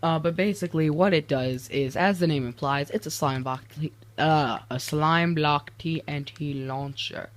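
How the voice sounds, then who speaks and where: Teen male gamer, slightly high voice, rambling commentary at a desk mic, keyboard clicks behind. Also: moderate pace, hardly any pauses. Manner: rambling, self-interrupting, easily exasperated. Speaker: gaming video creator. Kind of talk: casual gameplay commentary.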